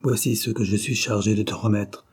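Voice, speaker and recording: A man reading the part of a curt messenger, brisk and plain, in an audiobook. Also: fairly low pitch, fairly even intonation, a little mellow, slightly rough. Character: grim messenger delivering a burden.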